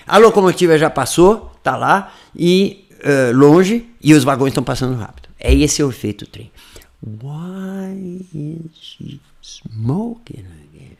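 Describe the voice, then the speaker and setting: A man's voice: a little high, expressive, measured pace, creaky. A Brazilian man teaching English in a live online class, explaining in Portuguese and whispering sample phrases.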